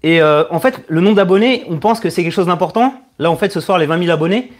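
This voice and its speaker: An expressive, higher-pitched man in his thirties runs a live Q&A stream as an online video creator. Chatting casually through viewers' questions, he hesitates, halts and repeats words as he thinks.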